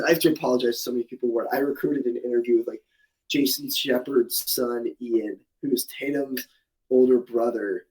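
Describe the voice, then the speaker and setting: Guest, man in his twenties, casual and chatty, rambling storyteller, mid-pitched voice. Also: a little mellow, rough recording. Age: 20s. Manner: rambling, many restarts and fillers, laughs at himself. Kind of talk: casual interview.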